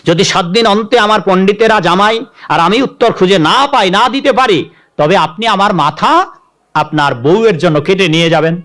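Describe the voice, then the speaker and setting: A man's voice: high voice, normal speed, fairly bright tone. A man voicing an older king who formally pleads in a spoken religious tale. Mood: pleading. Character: humble pleading old king.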